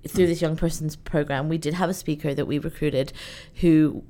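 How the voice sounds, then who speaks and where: Woman, interview guest, fairly low voice, lively and chatty, lots of "like" and "you know". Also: moderate pace. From Iran, raised in the UK. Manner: animated, chatty, many fillers. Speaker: event organizer, guest. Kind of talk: conversational interview.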